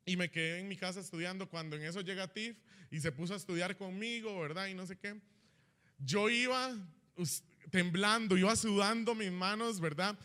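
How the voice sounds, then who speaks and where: A young man telling his personal testimony in church as an animated storyteller who keeps asking "¿verdad?". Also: sits high, moderate pace. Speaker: church member giving a testimony. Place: church hall.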